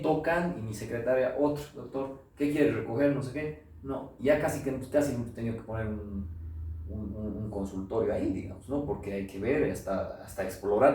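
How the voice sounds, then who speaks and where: A middle-aged pathologist with a Bolivian Spanish accent, giving a lecture full of anecdotes and acting out the voices he quotes. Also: medium pitch. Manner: animated storyteller, acts out quoted voices. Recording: roomy echo, voice from far off.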